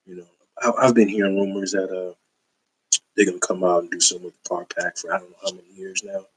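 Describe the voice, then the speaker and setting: Talking at a quick pace in a low voice with a steady tone, a comic book collector walks through his haul in a casual video. He's laid-back and slangy, rambling with plenty of fillers, and the recording is rough.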